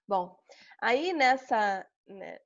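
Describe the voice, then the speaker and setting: Brazilian teacher explaining over a video call. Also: female voice, on the high side. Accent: Brazilian Portuguese. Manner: patient, explaining step by step with frequent "tá?". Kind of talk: online class lesson. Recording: dull lo-fi video call audio.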